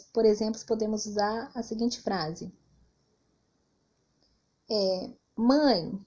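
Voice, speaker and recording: A Brazilian woman teacher explains punctuation slowly and clearly, acting out short example sentences for children. Her voice sits a little high with a mellow, warm tone. The recording is dull and lo-fi, like a simple home setup. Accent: Brazilian Portuguese. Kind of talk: scripted literacy lesson for children.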